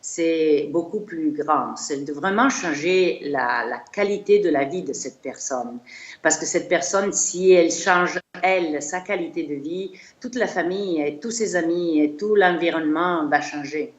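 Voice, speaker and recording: A low-voiced, middle-aged woman with an Italian accent talks as an interview guest, searching for words with fillers and restarts. The recording is echoey and a little muffled, as if captured in a bare room. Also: a little slow. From Italy. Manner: hesitant, many fillers and restarts. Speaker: chiropractor guest. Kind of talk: casual interview.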